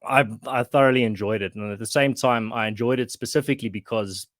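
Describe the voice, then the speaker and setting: A South African man whose first language is Afrikaans chats casually as a podcast guest and writer, thoughtful and restarting often. His voice sits at medium pitch and he talks fast, recorded at studio quality with no room sound.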